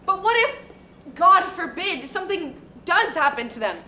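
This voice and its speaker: A woman's voice: very high-pitched, animated, moderate pace, full character voice. A student actress playing a fierce, protective old grandmother in a school stage play. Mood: scolding. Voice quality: scolding, sharp-tongued. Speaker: student actor. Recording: echoey hall, faint noise.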